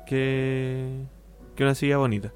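A man's voice: mid-range voice, steady tone, measured pace, soft background music. Easygoing young Chilean man. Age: young adult. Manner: easygoing, laid-back slang talk. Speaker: podcast co-host. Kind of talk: casual podcast chat.

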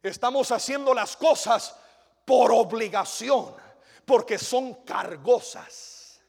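A man preaching from the pulpit in a very high voice. He swings from shouted peaks down to hushed, low passages. The church around him rings with a long reverb. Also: takes it slowly, creaky. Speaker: pastor. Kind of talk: sermon.

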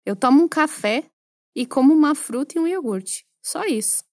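A woman with a high voice and a Brazilian Portuguese accent gives a French lesson. She explains each phrase in a clear, teacherly way and keeps prompting the listener to repeat after her. The recording is close and dry. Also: expressive, moderate pace, darkish tone, no echo.

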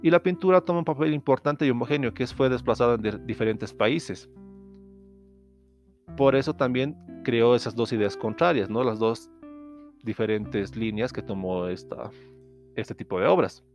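Man giving a steady art-history lecture. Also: mid-range voice, normal speed, faint music behind. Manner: steady explanatory tone, occasional restarts. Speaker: host. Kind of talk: educational lecture.

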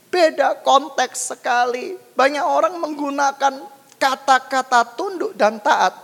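A man preaching to his congregation with a gravelly, rough edge to his voice. He asks rhetorical questions and talks with animated emphasis. His voice rings out through the long reverb of a church hall. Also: extremely high pitch. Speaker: pastor. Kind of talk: sermon.

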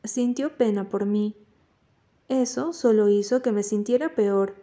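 A woman reading a novel aloud in first person as an audiobook narrator, at a steady, measured pace. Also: mid-range voice.

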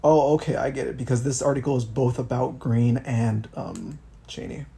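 Dark-voiced young man ranting casually. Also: mid-range voice, moderate pace, vocal fry, slightly rough. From Miami, Florida. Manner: profane, ranting, thinks aloud with restarts. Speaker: podcast co-host. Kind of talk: casual political chat.

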